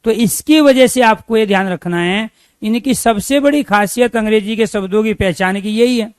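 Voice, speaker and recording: A man's voice: extremely high pitch, smooth, dry recording. A man teaching a grammar lesson, repeating key phrases and asking questions he then answers himself.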